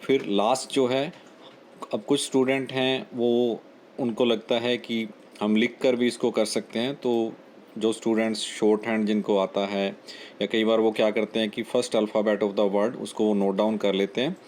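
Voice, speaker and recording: A man's voice: fairly low pitch, level tone, measured pace, a little mellow. A man giving a spoken exam-prep lesson as a trainer, explaining steadily and mixing in English phrases. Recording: echoey room with faint ambient noise.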